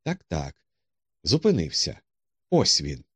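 A man's voice: sits low, huge pitch swings, takes it slowly, a bit bright, husky, no echo, voice pushed down, heavily acted. A man voicing Holmes, cool and commanding. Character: cool, dry-witted male detective, adult.

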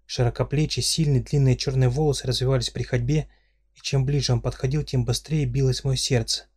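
Husky-voiced male reader for a steady first-person fantasy audiobook. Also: mid-range voice. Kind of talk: scripted first-person narration.

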